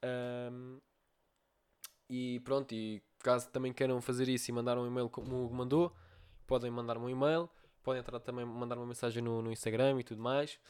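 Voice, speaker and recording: A man's voice: medium pitch, flat delivery, fairly quick, a little mellow, smooth. A man with a European Portuguese accent hosting a solo podcast, giving advice and often checking in with his listeners. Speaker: podcast host.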